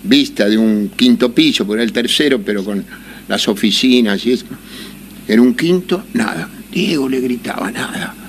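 A man's voice: mid-range voice, expressive, moderate pace, a little hiss or hum. A man with an Argentine accent telling a casual anecdote, laughing often and acting out the voices of people in his story. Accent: Argentine Spanish.

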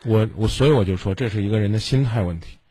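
A man's voice: fairly low pitch, quick pace, mellow, husky. A man hosting a call-in advice show, lecturing bluntly with rhetorical questions. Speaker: radio advice host.

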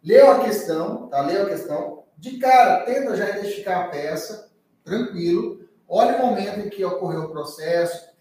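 In a live online exam-prep class, a law teacher speaks in a high-pitched, warm, expressive voice at a moderate pace. His informal, chatty delivery often ends with a questioning "tá?", heard distantly in a very echoey room.

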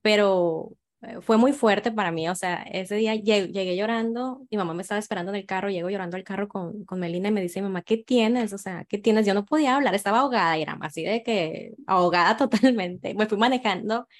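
A woman's voice: mid-range voice, fairly quick. A woman, telling her own story as a mother in a casual conversation, frank and emotional, with many restarts and repeated words.

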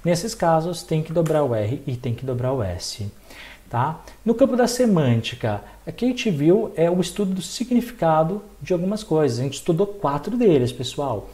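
A man's voice: on the high side, moderate pace. A young man with a Brazilian Portuguese accent teaching a recorded exam-prep lesson, asking questions and answering them himself. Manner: lively, asks and answers his own questions.

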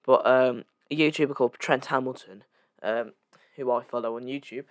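A man's voice: medium pitch, normal speed, no echo, studio quality. A young man hosting a casual podcast on his own, rambling along with lots of fillers and restarts as he corrects himself. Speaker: podcast host. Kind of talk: casual solo podcast chat.

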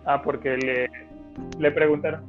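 A man speaking haltingly in a casual group video call, his audio breaking up and cutting out. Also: fairly high pitch, level tone. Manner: halting, with restarts. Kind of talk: casual chat. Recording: tinny online call audio with faint music.

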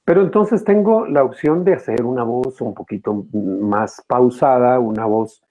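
A man, a voice actor and teacher, explaining his craft as an interview guest in an animated, demonstrative way, swinging his pitch widely. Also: a little slow, muffled recording, soft background music.

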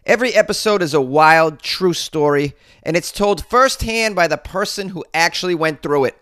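High-pitched man with a Boston accent. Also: moderate pace, fairly bright tone, no echo, clean studio sound. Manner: brash, cheeky, addresses listeners teasingly. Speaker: podcast promo voice. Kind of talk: casual podcast ad read.

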